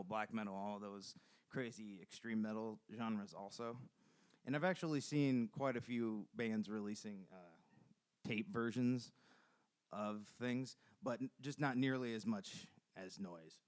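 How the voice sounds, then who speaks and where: A young man hosting a casual solo podcast, talking in a rambling, enthusiastic way with plenty of fillers and restarts. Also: fairly low pitch. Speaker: podcast host.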